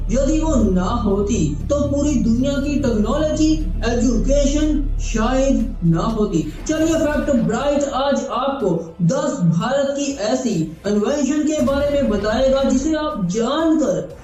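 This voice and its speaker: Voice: high-pitched, dark tone, heavy reverb, rough recording. A facts channel narrator giving an earnest voice-over and addressing viewers directly.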